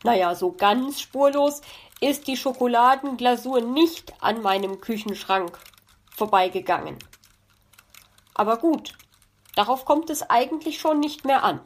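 A woman's voice: fairly high pitch, lively intonation, measured pace. A woman voicing a genial, polite male fox baking cookies in a children's audiobook. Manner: courteous, amused and warm.

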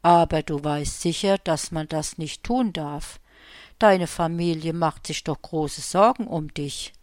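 A woman voicing a kindly, patient old Saint Nicholas in a storybook reading, speaking softly and reassuringly. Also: sits low, a little slow, dry recording, clean studio sound. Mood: kindly firm. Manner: soft, reassuring, fatherly.

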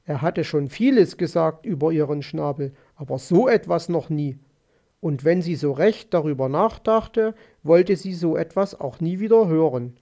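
A man narrating an audiobook story in an expressive, measured way. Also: on the high side.

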